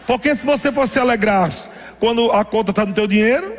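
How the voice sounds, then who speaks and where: A man's voice: extremely high pitch, long reverb tail. A man preaching an emphatic sermon as pastor, often laughing between phrases.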